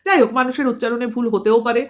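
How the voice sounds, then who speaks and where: A woman delivers a rapid commentary to camera, her voice sitting a little high. She lectures like she is scolding someone directly, piling up rhetorical questions as she goes. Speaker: vlogger.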